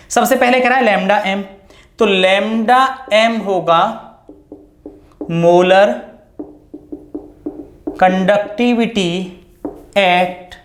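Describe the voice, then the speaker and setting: A man teaching a lecture at a board, repeating key terms and asking quick questions to check understanding. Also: high voice.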